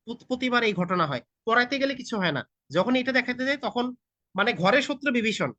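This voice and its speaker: A man's voice: very high-pitched, expressive, a little fast, pushed and bright, dry recording, muffled recording. A man in his thirties with a Bangladeshi Bengali accent teaches an online IELTS class. He talks casually, mixes in English and puts questions straight to his students. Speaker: IELTS tutor. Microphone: video call.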